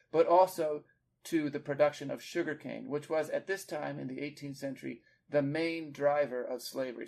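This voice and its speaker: A podcast host who also teaches literature leads a literary discussion, explaining articulately like a teacher and stressing key words. His voice is fairly high and a little mellow, with vocal fry.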